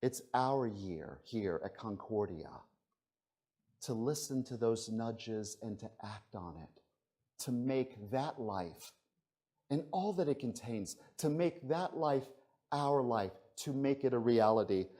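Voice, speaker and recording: Animated storytelling male minister. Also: medium pitch, slow pace. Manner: animated storyteller, acts out quoted dialogue, chuckles often; drops to a soft, intimate hush for reflective passages. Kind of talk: sermon with storytelling. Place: church sanctuary.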